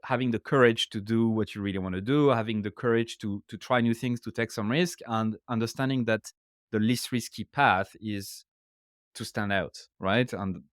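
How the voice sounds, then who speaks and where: Recorded cleanly in a studio without echo, this fairly low-pitched male voice moves at a moderate pace. The speaker is a French author guesting on a podcast, a non-native English speaker with a French accent who explains ideas casually and keeps asking "right?" in relaxed interview talk.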